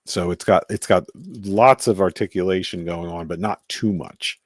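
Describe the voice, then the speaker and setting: A man with a very low voice hosts a casual live-stream toy review, rambling and thinking aloud as he handles a figure. The sound is dry and close, with no room around it. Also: moderate pace, no room sound. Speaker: toy collector host.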